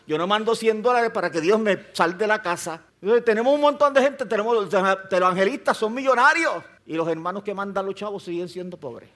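High-voiced older preacher. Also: male voice, fairly bright tone. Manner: emphatic, conversational preaching with rhetorical questions. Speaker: pastor. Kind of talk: sermon.

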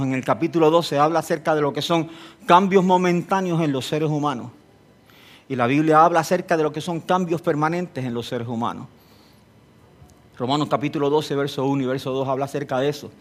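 A man preaching a sermon, telling stories in an animated way and rising to emphatic peaks. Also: a little high.

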